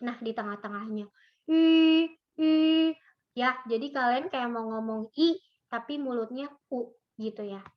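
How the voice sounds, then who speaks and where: A woman teaching a recorded online language lesson, drilling sounds with loud, drawn-out repetitions. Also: on the high side, steady tone. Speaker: Mandarin teacher. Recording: dull lo-fi recording.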